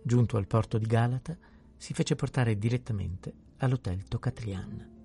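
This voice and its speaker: A man calmly narrating a novel in an unhurried reading voice. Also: medium pitch, vocal fry, faint music behind. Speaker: audiobook narrator.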